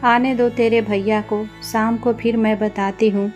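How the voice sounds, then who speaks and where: A woman's voice: fairly high pitch, little pitch movement, a little slow, a little mellow, lightly acted. A woman voicing a harsh, scornful young wife who bullies her in-laws, with faint music behind. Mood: scolding. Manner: scolding, taunting.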